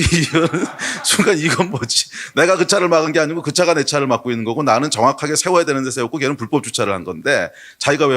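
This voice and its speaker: A middle-aged male pastor delivering a sermon in a church. His pitch swings widely as he tells a story, now and then bursting into loud acted-out lines. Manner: lively storytelling sermon, bursts into shouted quotes. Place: church sanctuary.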